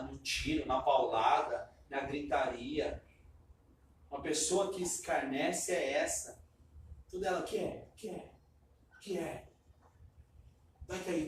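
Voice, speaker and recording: Loud preacher in an echoing church. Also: male voice, sits high, slight background noise. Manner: loud, emphatic, says he speaks loudly. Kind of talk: sermon. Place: church sanctuary. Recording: echoey church hall from far off.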